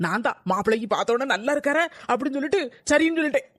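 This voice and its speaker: Cartoon young daughter-in-law, defensive and hot-headed, played by a woman; high voice, rapid lines. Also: lively intonation, dry recording, clean studio sound. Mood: indignant. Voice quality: indignant, arguing back. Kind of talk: cartoon voice acting.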